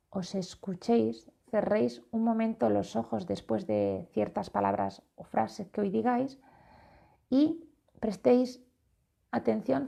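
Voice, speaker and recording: Slow, gravelly-voiced woman parenting coach. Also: fairly high pitch, mellow. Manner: slow, deliberate, demonstrates tones by acting out phrases. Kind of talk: live-streamed talk to viewers. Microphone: phone or webcam live stream.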